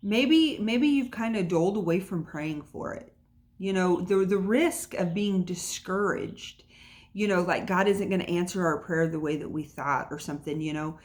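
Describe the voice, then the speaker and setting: A woman's voice: fairly low pitch, normal speed, a little mellow. A woman hosting a casual devotional podcast from her home, talking in a chatty, encouraging way with plenty of fillers. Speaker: podcast host. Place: at home by an open window.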